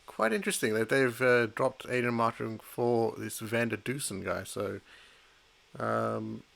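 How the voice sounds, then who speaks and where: A man's voice: mid-range voice, measured pace, creaky, fairly bright tone. A man co-hosting a live cricket stream, giving casual commentary with frequent laughs and hesitant fillers.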